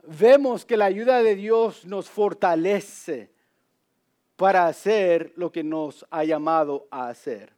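A man preaching a sermon, telling stories and quoting lines in a soft low voice, slipping in English words now and then. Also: slow pace. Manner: storytelling with acted quotes, occasional English words. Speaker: pastor.

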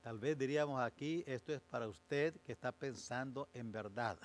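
A male pastor preaching a sermon, moving from measured explanation to slow, emphatic, fervent declarations. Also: mid-range voice, slight background noise.

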